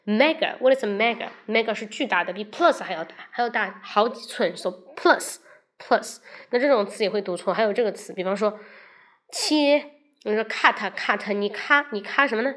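Chatting with viewers on a casual livestream, a Chinese woman teaches English, moving between Chinese and English and repeating words slowly so people hear how they sound. Her mid-range voice is a bit bright, and she addresses the audience directly and asks for their questions.

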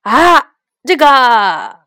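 A woman voicing a boastful male street vendor in a children's storybook reading, with loud, bragging salesman's patter. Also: high voice, sing-song, takes it slowly, dry recording, clean studio sound, exaggerated voice. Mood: flustered.

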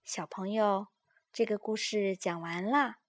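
A woman gently narrating a children's story in a soft voice. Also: medium pitch, measured pace, dry recording.

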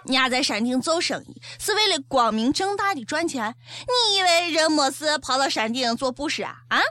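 A woman's voice: high-pitched, lively intonation, normal speed, pushed and bright, slight background noise. A woman with a Shaanxi accent co-hosting a comedy show, giving scripted commentary in a sassy, emphatic way. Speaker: comedic co-host.

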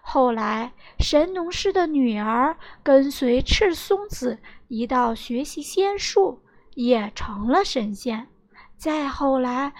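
A woman who teaches Chinese at a primary school, gently reading a folk tale aloud to her pupils. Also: high voice. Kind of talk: storytelling for children.

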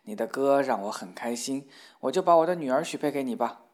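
A man's voice: mid-range voice, animated, a little fast, a little mellow, natural voice. A man doing a stern old king. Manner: commanding. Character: stern old king keeping his oath.

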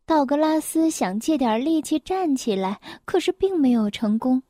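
A woman reading a children's picture book aloud, gentle, clear and expressive. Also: sits high, moderate pace, no room sound, studio quality. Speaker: storyteller.

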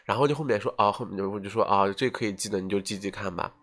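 Fast-talking young man hosting a podcast. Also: on the low side. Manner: animated storyteller, acts out quoted dialogue. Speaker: podcast host. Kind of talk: casual podcast chat.

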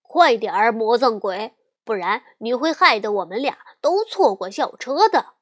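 A woman voicing an impatient boy bear cub, the bossy big brother, yelling loudly in a storybook reading. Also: on the high side, expressive, unhurried. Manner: loud yelling.

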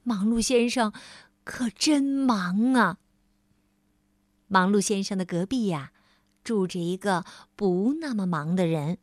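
Slow, gentle woman storyteller. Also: medium pitch, no echo, clean studio sound. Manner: gentle, drawn-out storytelling to a child. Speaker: children's storyteller. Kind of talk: children's storybook reading.

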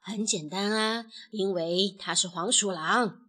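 A level-headed young hen from a storybook, explaining things patiently and keeping the others steady, as a woman voices her. the voice sits lower than the rest of the cast but stays bright. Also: unhurried. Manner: explaining, reassuring. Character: calm, sensible young hen.

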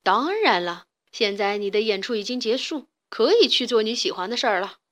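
Woman putting on a blustery self-satisfied storybook rooster dad, kinda high for a guy. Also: animated, fairly quick, fairly bright tone. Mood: kindly. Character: pompous boastful rooster father, troupe director.

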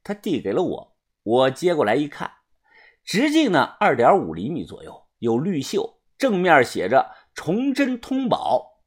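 A woman reads a first-person novel aloud in the manner of an animated storyteller. Her voice sits low and breathy, and the pitch moves a lot. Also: normal speed. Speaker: audiobook narrator.

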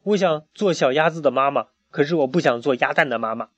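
A man voicing a lively, easily flustered young female duck who exclaims a lot, on a muffled recording. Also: a little high, quick pace, no echo. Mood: puzzled.

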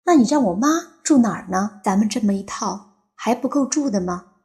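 A woman's voice: mid-range voice, moderate pace, dark tone, close to an everyday voice. A woman voicing an eager grown man courting a woman, pleading and easily flustered, in an audiobook. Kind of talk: audiobook character voice.

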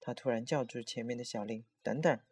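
A man narrating a scripted horror story in a steady storytelling voice. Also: mid-range voice, fast talker, slightly rough.

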